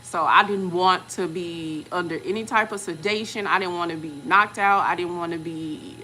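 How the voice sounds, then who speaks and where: Woman in her 40s, bright, chatty storyteller, animated quoting. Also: moderate pace, a little hiss or hum, low-quality recording. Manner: animated, acts out quoted voices with big pitch jumps. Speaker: channel host. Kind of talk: casual storytelling chat.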